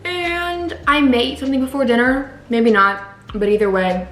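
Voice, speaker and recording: Higher-voiced woman vlogging after wisdom teeth removal, echoey room. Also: normal speed, fairly bright tone. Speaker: food vlogger. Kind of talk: casual chat to camera, narrating meals.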